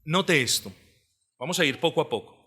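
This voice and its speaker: A man's voice: a little high, animated, normal speed, bright, forceful tone, breathy edge. A man preaching an expository sermon, reading scripture with rising emphasis, repeating phrases and asking the congregation questions. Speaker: pastor.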